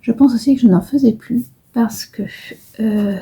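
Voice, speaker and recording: A middle-aged woman talks casually to her camera about her handwork, wandering from one thought to the next with frequent pauses and restarts. Her voice is very dark and mellow, slightly high, with a breathy edge. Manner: rambling, hesitant, many fillers and restarts. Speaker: embroidery vlogger. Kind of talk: casual vlog chat.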